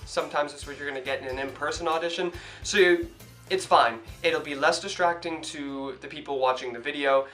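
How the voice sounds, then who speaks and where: Young male actor from Toronto, casual vlog tutor, upbeat and chatty, brightish higher voice, faint music under. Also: brisk. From Toronto, Canada. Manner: upbeat, chatty, hands-on demonstrating. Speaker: actor giving advice. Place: home room in front of a hung sheet.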